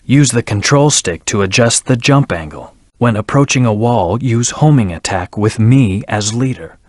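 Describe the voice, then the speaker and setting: A man's voice: mid-range voice, animated, a little mellow, no echo, lightly acted. Man voicing haughty, brooding Shadow the Hedgehog, dry recording. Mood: cool, instructional. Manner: haughty, clipped, deliberate. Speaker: video game character. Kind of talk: video game voice lines.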